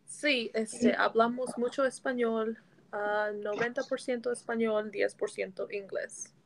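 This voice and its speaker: A young woman from the United States answering interview questions slowly, with many pauses and fillers. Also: a little high, fairly even intonation, vocal fry. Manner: slow, hesitant, many fillers. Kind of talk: casual Spanish interview.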